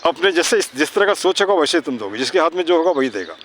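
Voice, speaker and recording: A man's voice: fairly high pitch, big pitch swings, fast, fairly bright tone, slight background noise. A man teaching children English pronunciation outdoors. He asks questions, answers them himself, and keeps adding "है ना" as a check, with an Indian English accent. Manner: tags phrases with "है ना".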